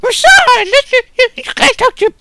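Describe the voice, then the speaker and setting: A man voicing a bossy mother in a squealing falsetto during a comedic Minecraft let's play. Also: moderate pace, bright, forceful tone, a little hiss or hum, heavily acted. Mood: shrill scolding. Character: shrill bossy mother scolding her son.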